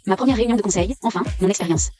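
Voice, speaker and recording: A woman's voice: mid-range voice, over music, lightly acted. Woman dubbing a wry young heiress. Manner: wry asides, quick and sardonic. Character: scheming young female heiress, wry and sardonic. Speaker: heiress posing as a junior real estate agent. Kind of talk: French dub of a short drama.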